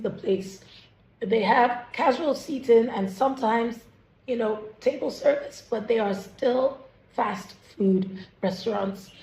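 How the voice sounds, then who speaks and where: A woman chef with a hoarse, lost voice, casually explaining restaurant types while at work in her restaurant. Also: medium pitch, mellow, echoey room, a little hiss or hum, rough recording. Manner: candid, listing examples quickly. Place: restaurant during dinner service.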